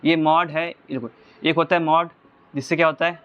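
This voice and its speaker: A man teaching physics at a board, walking through each step and often pausing to ask whether the class follows. His voice sits a little high for a man. The recording sounds somewhat dull and lo-fi. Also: flat delivery, smooth. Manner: explains step by step, asking the class rhetorical check questions. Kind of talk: whiteboard physics lesson.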